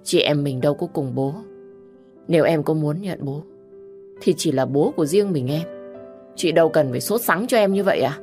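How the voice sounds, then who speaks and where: A defiant young woman, read by a woman narrator in an audio story, curt and guarded. The voice sits low, with faint music in the background. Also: normal speed, long pauses, a little mellow. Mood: cold.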